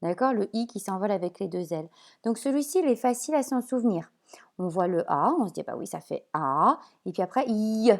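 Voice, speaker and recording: A woman teacher explaining spelling sounds at a whiteboard, slow and patient, checking often that her pupils follow. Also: medium pitch, animated, vocal fry. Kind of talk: remote classroom lesson at a whiteboard.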